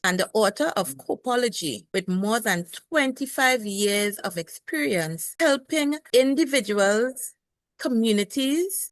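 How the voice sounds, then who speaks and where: A woman's voice: mid-range voice, fairly bright tone, dry recording. Dry-voiced woman show host. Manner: reads a polished guest introduction, asks broad questions. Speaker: podcast host and nurse. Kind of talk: formal show introduction and interview.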